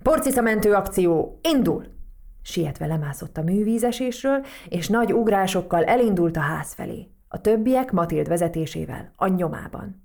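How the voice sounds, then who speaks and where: Gravelly-voiced woman reading a story. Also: on the low side, lively intonation, dark tone. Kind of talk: storybook narration.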